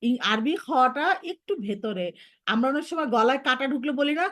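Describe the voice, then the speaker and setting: A woman's voice: high voice, animated, moderate pace, fairly bright tone, no echo, clean studio sound. A woman with a Bangladeshi Bengali accent teaching Arabic letter sounds to children in an online lesson, patiently modeling each sound.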